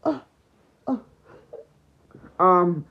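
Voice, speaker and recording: A very husky, breathy woman acting out a toy battle, her voice swinging widely between loud battle calls and quiet asides. She talks slowly, and the recording sounds dull and lo-fi. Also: lowish voice, animated. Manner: shouts battle calls, then drops to quiet murmurs. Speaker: toy show performer.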